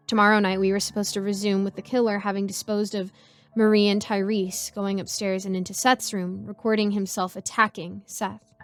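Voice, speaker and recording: A woman narrating a first-person horror story in a measured, suspenseful way. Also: mid-range voice.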